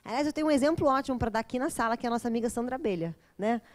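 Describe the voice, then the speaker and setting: Brazilian woman teacher, high voice, lively chatty lecture style with a lot of back-and-forth with the class. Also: racing. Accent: Brazilian Portuguese. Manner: animated, chatty, often adds "né?" and "gente", acts out dialogues. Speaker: course teacher and therapist. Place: classroom at a community center.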